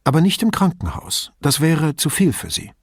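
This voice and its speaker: A brisk, practical policewoman speaks in a raised voice, as a male narrator puts her on for an audiobook. She sounds decisive and matter-of-fact, with no nonsense in her tone. The recording is dry and close. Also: on the high side, sing-song, breathy edge, no echo, voice pushed up, exaggerated voice. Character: calm practical female police officer.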